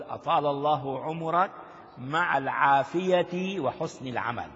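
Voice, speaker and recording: An older sheikh gives a classroom commentary on a classical text, pausing to quiz his students with rhetorical questions. His voice is gravelly at a mid pitch. The lo-fi recording carries a long hall reverb. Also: fairly bright tone. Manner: explains slowly, quizzes listeners with rhetorical questions. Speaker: sheikh teaching a hadith text.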